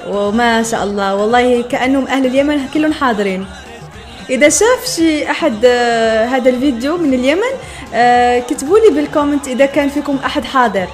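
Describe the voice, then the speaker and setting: A woman's voice: sits high, lively intonation, fast, soft background music. Chatty woman reacting, often laughing. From Morocco. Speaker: reaction video host. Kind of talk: casual reaction commentary.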